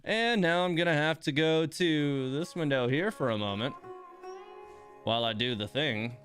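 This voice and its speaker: A gaming channel host chats casually on his livestream while playing a gacha game indoors at his home computer, grumbling, exasperated and self-deprecating. His voice is on the high side and a bit bright, at a moderate pace, with soft background music.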